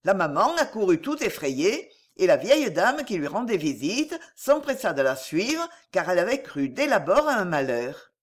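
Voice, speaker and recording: A woman narrating a fairy tale in a measured, expressive storybook reading. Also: on the low side.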